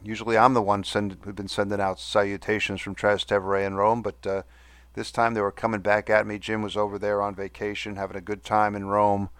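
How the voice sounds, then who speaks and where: A man hosting a podcast in a casual, halting, good-humoured monologue, with a whistle on his S sounds. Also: fairly low pitch, flat delivery, smooth, dry recording. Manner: halting, with good-humoured self-deprecating asides. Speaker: podcast host. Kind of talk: casual monologue reading listener mail.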